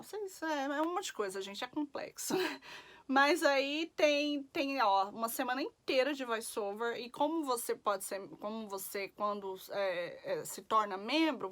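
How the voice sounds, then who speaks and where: A woman's voice: fairly high pitch, fairly bright tone. A young woman from Brazil chatting casually as a vlogger, full of fillers and tag questions. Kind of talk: casual chat.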